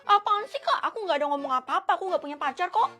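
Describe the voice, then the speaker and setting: A woman's voice: very high-pitched, animated, racing, bright, forceful tone, faint music behind, voice pushed up, heavily acted. A woman voicing a cheeky young girl in a doll story, whiny and teasing. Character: young girl who hears thoughts, cheeky.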